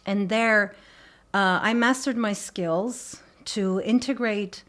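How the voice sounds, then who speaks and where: A woman's voice: mid-range voice, takes it slowly, fairly bright tone. Hesitant Turkish-born woman artist. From Turkey. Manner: hesitant, many ums and uhs. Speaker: guest artist. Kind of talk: casual interview.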